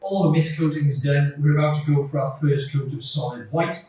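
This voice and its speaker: Indoors in a bungalow room under renovation, a builder and carpenter narrates a casual DIY vlog, practically explaining each step as he works. His voice is a little high, fairly quick and dark, recorded on a phone he holds while working, in an echoey bare room with faint noise.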